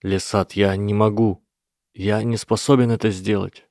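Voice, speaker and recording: An earnest young boy hero from a storybook, voiced close to the reader's own low, gravelly tone, as a man reads him. The sound is dry and near the mic, plain and direct. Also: flat delivery, unhurried, a little mellow, dry recording. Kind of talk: audiobook character voice.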